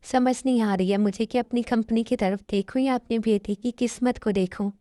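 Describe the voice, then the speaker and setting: Lady voicing a worried dad who owns a company, anxious and pleading, kinda high, dry close sound. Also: steady tone, moderate pace, mellow, no echo, lightly acted. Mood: troubled. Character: worried middle-aged father, company owner. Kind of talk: amateur Hindi dub.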